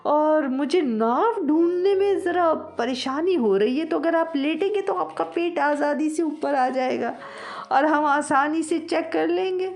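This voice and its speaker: A woman's voice: high voice, darkish tone, voice pushed up. A woman voicing a silly young man playing healer in a comic audio story, cheeky and playful. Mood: pompous.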